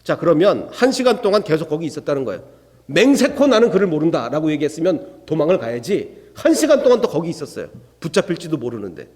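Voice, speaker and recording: A male pastor preaching in a church hall with a long, ringing reverb. He speaks fairly high for a man, and his pitch swings widely as he acts out the people in the story. He keeps putting rhetorical questions to the congregation. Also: fast talker, few pauses. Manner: acts out the quoted speakers in a lively voice. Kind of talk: expository sermon. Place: church sanctuary.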